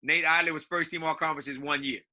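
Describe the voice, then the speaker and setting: A man with a very bright, slightly high voice talks through picks in a relaxed, chatty way. He is a basketball coach co-hosting the show, laughs easily and often restarts his phrases. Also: quick pace. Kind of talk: casual chat.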